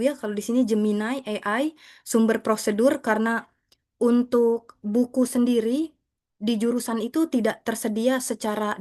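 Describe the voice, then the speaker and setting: This woman's voice is on the high side with a darkish tone. As a teacher, she walks fellow educators through material conversationally and respectfully, often calling her listeners by respectful terms.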